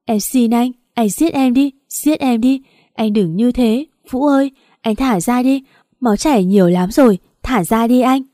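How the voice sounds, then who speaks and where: A woman's voice: fairly high pitch, moderate pace, warm tone, dry recording, clean studio sound, pitched above the performer's own voice, lightly acted. Woman voicing a tearful, frightened young woman. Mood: pleading. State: tearful, pleading.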